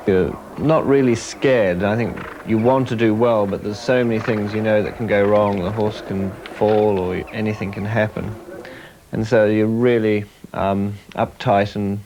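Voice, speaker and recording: New man, horse rider, low monotone voice, measured and reflective, music underneath. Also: background noise. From New Zealand. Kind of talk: documentary interview.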